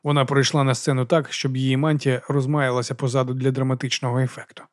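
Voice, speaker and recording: A man narrating an audiobook with steady storytelling delivery. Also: medium pitch, fast talker, no room sound, clean studio sound. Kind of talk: scripted narration.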